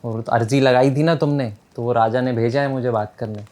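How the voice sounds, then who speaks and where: A man voicing a smooth-talking male royal envoy who coaxes prisoners in a casual, friendly way. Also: mid-range voice, fairly even intonation, a little fast, a little mellow, lightly acted. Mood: coaxing. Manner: coaxing, casual, calls people friend.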